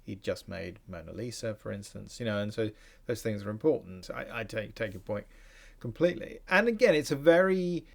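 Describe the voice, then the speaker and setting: A man with a gravelly, creaky voice hosts a relaxed film-discussion podcast. He thinks aloud, analytical and musing, often restarting his sentences as he works through his points. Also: lowish voice, brisk. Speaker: podcast host.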